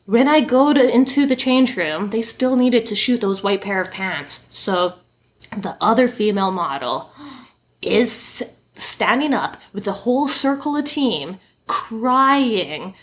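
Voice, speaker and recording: Upbeat woman host, fairly high voice, lively storyteller who laughs a lot. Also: slow. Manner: animated storyteller, laughs often. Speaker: podcast host and model. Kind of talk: casual chat.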